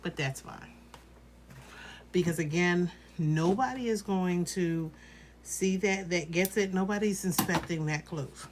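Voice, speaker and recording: A woman's voice: on the low side, measured pace, a little hiss or hum. A woman teaching quilting in a casual live tutorial, chatty and reassuring as she thinks aloud while working. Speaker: quilting instructor.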